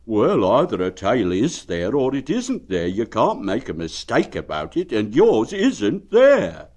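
A man's voice: medium pitch, huge pitch swings, measured pace, darkish tone. A man voicing a kindly, well-meaning teddy bear in a storybook reading, earnest and eager to help. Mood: matter-of-fact.

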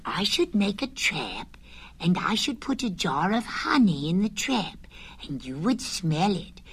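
A woman voicing a small, timid male piglet in a high, fussy voice. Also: sing-song, a little slow, fairly bright tone, breathy edge, full character voice. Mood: plotting.

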